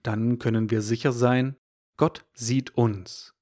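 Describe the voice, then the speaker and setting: Male devotional speaker, calm scripted storytelling delivery, mid-range voice. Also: medium pitch, slow pace.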